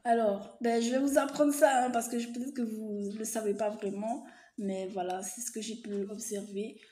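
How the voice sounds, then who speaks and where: A woman with a mellow, rather high voice speaks steadily at a moderate pace in a casual vlog. She explains informally and hesitantly, with plenty of fillers, restarts and reassuring asides, and the audio carries a roomy echo.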